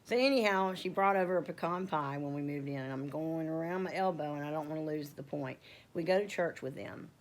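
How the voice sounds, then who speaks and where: Middle-aged woman, deep voice, tells a long heartfelt testimony, meandering and self-correcting. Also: a little fast. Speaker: homeowner telling a faith story. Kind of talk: casual personal testimony.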